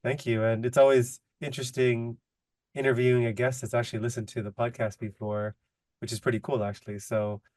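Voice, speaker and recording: A man hosts a podcast in a relaxed, chatty way, full of "like" and "kind of". His voice is mid-pitched, and the sound is close and dry with no room echo. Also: fairly quick. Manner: easygoing, says "like" and "kind of" a lot. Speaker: podcast host. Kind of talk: casual interview talk.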